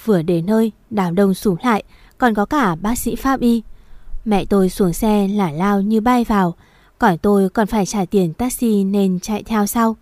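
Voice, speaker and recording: A woman reading a first-person story aloud in a steady, somber storytelling manner. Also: mid-range voice, no room sound. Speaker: narrator.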